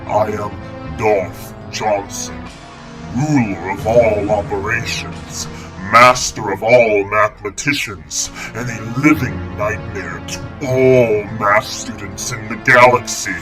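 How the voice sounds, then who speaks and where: A man voicing a pompous galactic villain in a disguised deep voice, grand and gloating. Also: steady tone, over music. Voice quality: disguised deep voice, slow and theatrical. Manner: grandiose, gloating, prone to evil laughs. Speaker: teacher playing a villain in a skit.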